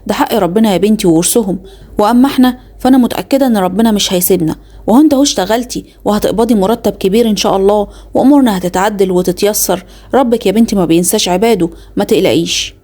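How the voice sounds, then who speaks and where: A woman's voice: medium pitch, racing, dark tone, lightly acted. A woman reading the part of a poor, faithful older mother who speaks soothingly, with an Egyptian accent. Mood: reassuring. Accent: Egyptian Arabic. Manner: soothing, reassuring.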